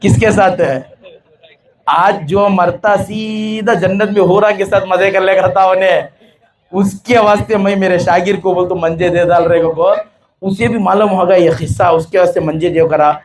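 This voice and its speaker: A preacher telling a folk tale in a sermon, animatedly acting out the characters' lines. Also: male voice, sits high, fairly even intonation, normal speed. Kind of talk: storytelling sermon.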